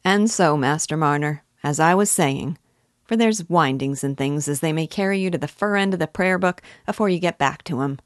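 A woman reads a storybook passage as a garrulous old village busybody, a man with a rural English dialect who is neighborly, self-important and full of opinions and advice, rambling on. Her voice sits low and close to everyday speech, at normal speed, recorded studio-clean with no echo.

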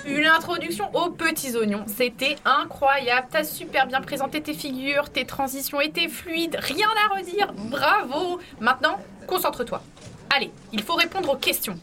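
A woman's voice: sits high, moderate pace, sharp tone, a little hiss or hum. A woman voicing a reassuring, coaching inner voice in a radio fiction. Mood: encouraging.

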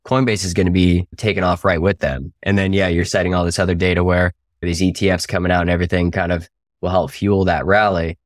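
A man in a casual investing discussion, calmly explaining his reasoning about trades. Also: deep voice, fast talker, no echo, clean studio sound.

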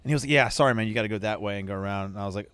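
A man chatting casually as a podcast co-host, an animated storyteller who laughs often and swears freely. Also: lowish voice, very fast, no room sound. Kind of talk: casual chat.

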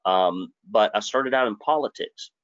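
A man's voice: on the low side, normal speed, dry recording. A man, giving a live webinar presentation in a folksy, joking, conversational way. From Alabama, US. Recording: dry, dull lo-fi webinar audio.

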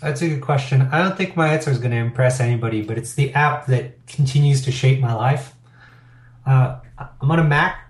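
Talking casually as an interview guest, a middle-aged business owner is frank and thoughtful, drifting with fillers. His voice is medium in pitch and fairly quick. The room is noticeably echoey.

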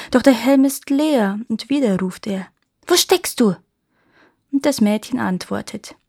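Calm woman storyteller, mid pitch, dry close recording. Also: no room sound. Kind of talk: fairy tale reading.

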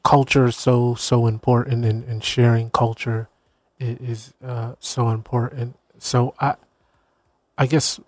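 A man's voice: medium pitch, level tone, a little slow, darkish tone, no room sound. A man hosting a community radio interview show, who often stumbles and affirms his guest with short interjections. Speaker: radio host.

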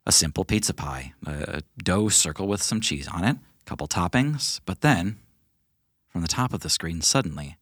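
A man narrating as game master of a tabletop game, relaxed and chatty with plenty of fillers. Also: deep voice, moderate pace, husky, no room sound, studio quality.

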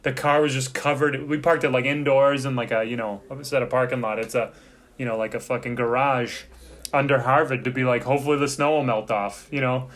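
A man's voice: medium pitch, fairly even intonation, a little fast, fairly bright tone. A man in casual chat who rambles and swears freely while recalling a show.

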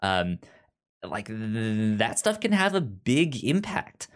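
Here a podcast co-host chats casually about books in a lowish, sing-song voice at a slow pace. As he talks, he stammers and repeats sounds and words.

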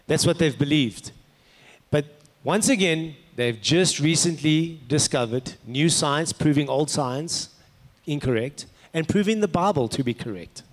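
High-voiced South African male preacher in a hall. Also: expressive, measured pace. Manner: conversational, rhetorical questions to the listeners. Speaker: pastor preaching to a congregation. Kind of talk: sermon with personal anecdotes. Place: large indoor hall, preaching to an audience. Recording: echoey hall with long reverb.

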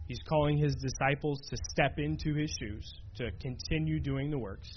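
Checking in often with "right?" and plenty of fillers, a man teaches a small Bible study group in a relaxed, conversational way. He speaks at a moderate pace with a fairly high pitch, captured in a dull, lo-fi room recording with faint noise.

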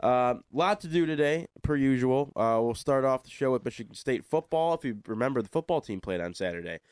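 Animated and a little fast, a young American man at medium pitch hosts a casual sports radio talk show, chatting away and making fun of himself. His voice is congested and stuffy-nosed, like a plugged nose, with a darkish but clean tone. He's in a radio studio on a desk studio microphone, and the recording is dry.

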